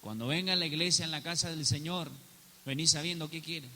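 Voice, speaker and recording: A man's voice: on the high side, brisk, sharp tone. A man, a pastor, preaching a sermon to his congregation and repeatedly asking them "yes or no?". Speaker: pastor and prophet. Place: church hall. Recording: reverberant hall with faint hiss.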